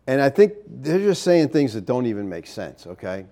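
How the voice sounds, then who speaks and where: A man preaching a sermon, arguing point by point in an animated, incredulous way and pressing rhetorical questions. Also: medium pitch, normal speed, vocal fry.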